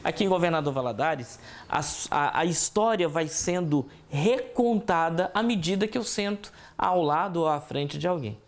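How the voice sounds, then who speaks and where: A man's voice: a little high, expressive, moderate pace, hardly any pauses. A man with a Brazilian accent hosting a show, introducing it like a ringmaster in a theatrical announcer manner. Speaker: interviewer and show host. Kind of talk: ringmaster-like show introduction, then conversational interview. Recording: roomy echo, faint background noise.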